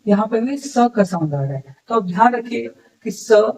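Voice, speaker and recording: A man with a fairly high voice leads an English lesson. He says each example word slowly, repeats it, and keeps checking that listeners follow. The mic sits some way off, so he sounds a little distant. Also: animated, a little mellow. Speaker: English teacher. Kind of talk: classroom-style lesson.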